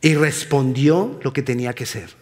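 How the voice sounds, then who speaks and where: A male pastor preaching a sermon emphatically, swinging between loud passages and hushed ones. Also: mid-range voice, moderate pace.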